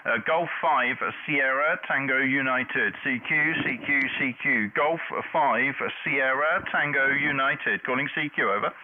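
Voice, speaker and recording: A man making a ham radio call, chatty and relaxed, with many fillers. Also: medium pitch, moderate pace, few pauses. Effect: heard as a ham radio call. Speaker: ham radio operator and stream host. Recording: narrow, tinny radio-style audio.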